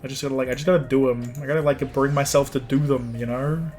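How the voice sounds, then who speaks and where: A man's voice: mid-range voice, steady tone, fast, a little mellow. A man streaming a game, chatting casually and rambling, often repeating himself.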